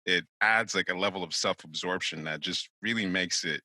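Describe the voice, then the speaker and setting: A man's voice: sits low, moderate pace, sharp tone, dry recording, rough recording. Podcast guy, jokes and swears, laughs a lot, super dry close sound. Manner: laughs often, swears, jokey. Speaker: podcast co-host. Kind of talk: casual podcast chat.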